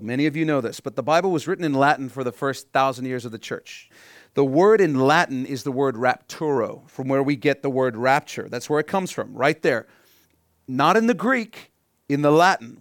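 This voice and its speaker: A man preaching a sermon as pastor, reading scripture and explaining it, asking the congregation questions, rising loud on key phrases and dropping low and quiet to drive points home. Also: no echo, clean studio sound.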